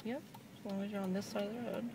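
A woman's voice: mid-range voice, steady tone, fast. A woman acting as a driving instructor, giving short, step-by-step commands and reassurance to a new driver. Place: inside a moving car. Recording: noisy car interior, distant phone mic.

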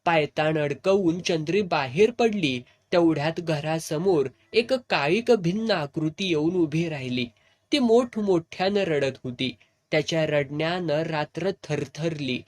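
A narrator with a rural Satara accent reads a serialized novel aloud. The story is told in village dialect at a storyteller's steady flow. It sounds like an audiobook. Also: medium pitch, measured pace. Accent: rural Satara Marathi.

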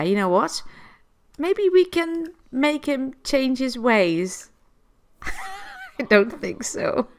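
Here a gameplay host with a cold keeps up casual commentary on a life-sim game, addressing its characters directly. She speaks in a gravelly, mid-range voice.

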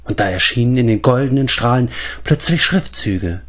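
A man reading a fantasy novel aloud as an audiobook, in measured, steady storytelling. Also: medium pitch. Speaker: audiobook reader. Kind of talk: scripted narration of a fantasy novel.

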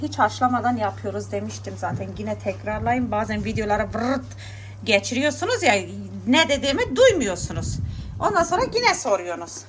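A woman hosting a casual home vlog, chatting in her kitchen while she cooks, laughing often and telling stories loudly. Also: fairly high pitch, animated, a little fast, slight background noise. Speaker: vlog host.

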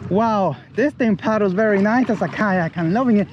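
With a high-pitched voice at normal speed and dull-sounding audio, a man reviews a paddleboard kayak for a casual outdoor vlog. He paddles across shallow coastal water, excitedly calling out his speed. The footage comes from action cameras on the board and on shore, and wind and water noise can be heard.

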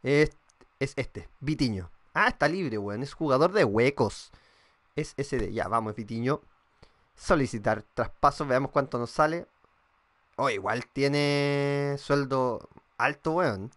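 Here the young Chilean streamer talks slowly in a mid-range voice, his accent clear as he plays a football game live. He swears casually, voices his thoughts, and reads out what viewers type in chat.

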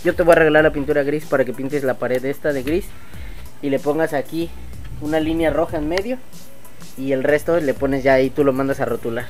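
Standing in an outdoor workshop yard, the thirty-something motovlog host talks casually to his viewers with slang and a Mexican Spanish accent. His voice is on the high side and brisk, with fairly even intonation, and faint music plays behind him.

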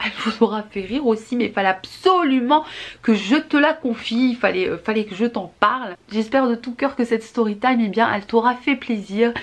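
Chatty young woman telling a story. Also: fairly high pitch. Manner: animated, chatty storytelling with slang. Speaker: YouTuber. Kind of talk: casual storytime vlog.

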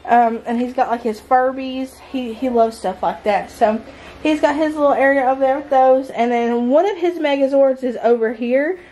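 A woman's voice: high-pitched, normal speed, mellow. A woman, chatting casually and rambling a bit as she tours her son's bedroom, filmed on a handheld camera. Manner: chatty, rambling with fillers and restarts. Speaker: vlogger, stay-at-home mom. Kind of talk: casual clean-with-me tour. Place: child's small red bedroom in a mobile home. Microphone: handheld camera at arm's length.

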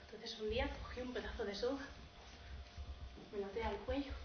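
A young woman acting as a poor, grieving male peasant farmer in a tragicomic stage monologue, telling the story in a broken, halting way. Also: on the high side, distant mic, close to an everyday voice. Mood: somber. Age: young adult. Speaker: drama student. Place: theatre stage. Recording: dull, roomy stage recording, noisy.

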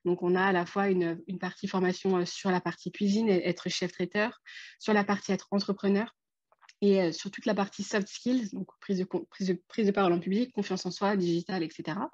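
Young female co-founder presenting, mid-pitched voice, dry and slightly dull video-call sound. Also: fairly even intonation, fairly quick, darkish tone, no room sound. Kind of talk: semi-prepared presentation.

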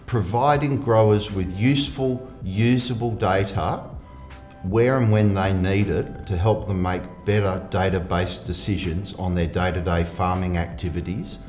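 A man presenting a farm technology video in a clear, informative way. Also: low voice, steady tone, a little slow, darkish tone, roomy sound, soft background music. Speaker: agricultural technology lead. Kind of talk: scripted promotional narration and interview.

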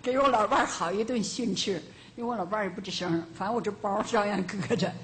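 An older woman giving a Buddhist teaching as a lay teacher, telling lively homespun stories and chuckling now and then. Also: mid-range voice, fast talker, a little hiss or hum. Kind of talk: storytelling dharma talk. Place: lecture hall of a Buddhist centre.

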